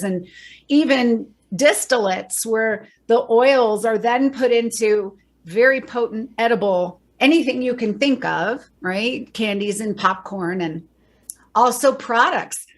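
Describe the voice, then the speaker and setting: A middle-aged woman with a medium-pitched, slightly bright voice speaks earnestly in a podcast interview. A bereaved mother and educator, she explains things by rattling off lists of facts.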